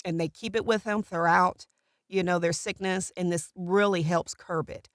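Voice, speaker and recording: A middle-aged woman with natural vocal fry, a voiceover artist casually explaining a routine to camera from a small recording booth. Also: fairly low pitch, steady tone, normal speed, dry recording, clean studio sound.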